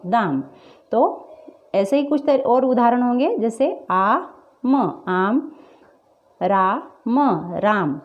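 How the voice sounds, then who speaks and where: A woman teaching a language lesson, slowly spelling out sounds, asking questions and answering them herself. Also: on the high side. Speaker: Hindi teacher. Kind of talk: classroom-style lesson, slow drilled pronunciation. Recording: dull lo-fi recording.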